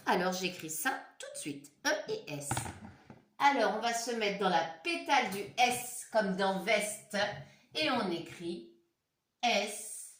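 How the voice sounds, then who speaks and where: Slow, patient woman teaching phonics. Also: mid-range voice, animated, fairly bright tone, roomy sound, a little hiss or hum. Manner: slow, spells out letters and sounds, praises pupils. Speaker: primary school teacher. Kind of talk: phonics lesson for young children.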